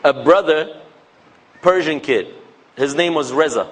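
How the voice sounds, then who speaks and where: An American man with a fairly high voice gives a casual, joking religious talk to young people, speaking a little slowly. He keeps it conversational and acts out bits of quoted dialogue.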